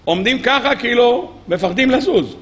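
A rabbi preaches a weekly sermon in a high, bright voice. He tells the story animatedly and keeps putting questions to his listeners. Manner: animated storytelling, acting out quoted speakers; rhetorical questions to the audience.

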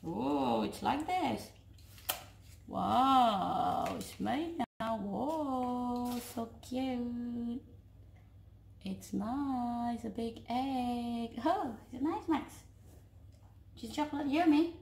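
Eine junge Frau aus Indonesien mit indonesischem Akzent, die als Familien-Vloggerin fröhlich und singend mit ihrem Kleinkind in die Handykamera plaudert. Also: female voice, on the high side, drawn-out words, vocal fry, a little mellow, a little hiss or hum. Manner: cheerful sing-song baby talk with her toddler. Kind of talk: casual chat to camera. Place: living room, on a sofa. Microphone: phone camera at arm's length. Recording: echoey living room.

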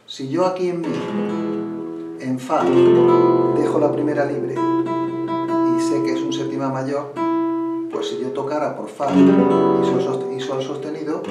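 A man teaching flamenco guitar, explaining slowly and pausing as he plays, sometimes restarting a phrase. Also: medium pitch. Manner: unhurried, pauses while playing, restarts phrases. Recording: roomy room, mic at a distance. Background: guitar playing.

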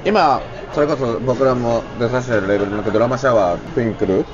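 A man's voice: medium pitch, fast. A young man chatting casually at a restaurant table over drinks. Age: young adult. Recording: dull sound, busy restaurant chatter.

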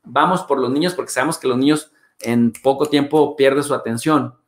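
A Mexican man with a Mexican accent hosting his show, talking in a chatty, animated way with playful swearing. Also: mid-range voice, a little fast, echoey room. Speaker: host. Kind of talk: animated casual monologue.

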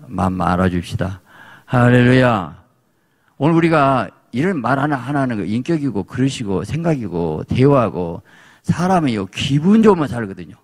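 A man's voice: medium pitch, gravelly, a little mellow. A male pastor with a Jeolla Korean accent preaching a sermon, exhorting his congregation with emphatic repetition.

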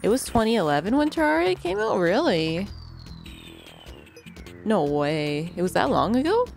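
A woman chatting casually on a live game stream as a VTuber, with a cute, bubbly, excitable anime-streamer delivery. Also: mid-range voice, normal speed, creaky. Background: music.

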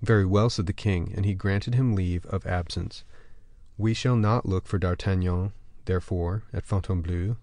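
A man narrating a classic novel in a measured, formal audiobook reading on a close studio mic. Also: low voice, steady tone, a little mellow, dry recording.

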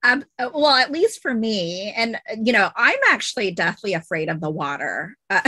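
Slow, bright-voiced woman on a video call. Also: medium pitch, no room sound. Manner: hesitant, many fillers, laughs lightly. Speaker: interview guest. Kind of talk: casual video-call interview. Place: home room, indoors. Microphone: video call webcam.

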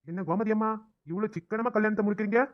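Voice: mid-range voice, fairly even intonation, fast, soft background music, close to an everyday voice. An actor voicing a middle-aged male temple priest, knowing and easygoing, in a cartoon. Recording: tinny phone-like recording.

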